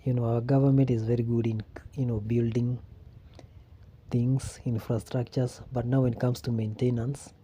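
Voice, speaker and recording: A man with a Kenyan accent narrating a casual walking vlog in an unhurried way, often repeating phrases for emphasis. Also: medium pitch, little pitch movement, dark tone, husky. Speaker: vlogger. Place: outdoors on a quiet street. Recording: outdoor ambient noise.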